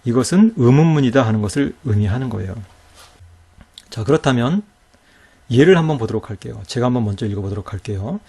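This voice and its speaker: A man's voice: medium pitch, animated, dark tone, breathy edge. A man teaching a recorded grammar lecture. He explains patiently, step by step, and checks with his listeners through rhetorical questions. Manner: sounds out syllables slowly and distinctly.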